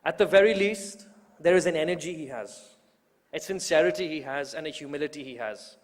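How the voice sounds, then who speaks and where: A man's voice: a little high, brisk. A man in his twenties giving a rousing, emphatic public speech at a political event, building his points through repetition. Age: 20s. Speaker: youth organizer introducing the main speaker. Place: large event hall. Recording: long hall reverb.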